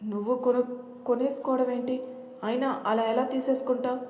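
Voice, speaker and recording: A woman's voice: on the high side, steady tone, normal speed, a little mellow, lightly acted. A woman voicing a polite, innocent young wife in an audio story. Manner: polite, courteous. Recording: echoey room with long reverb.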